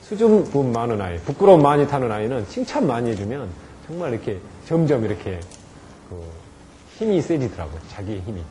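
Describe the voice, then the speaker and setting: A middle-aged man giving a practical lecture to church teachers. He speaks plainly and directly, and now and then acts out the firm words a teacher would say to a child. His voice sits at an ordinary pitch for a man. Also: very animated, a little fast, dark tone, slight background noise, poor audio. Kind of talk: lecture to Sunday school teachers.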